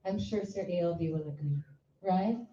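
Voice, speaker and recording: A woman's voice: on the low side, normal speed, dark tone. A woman, a former beauty queen, gives an effusive, emotional tribute speech at an event and slips in Tagalog phrases. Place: event venue. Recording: echoey hall, slightly dull sound.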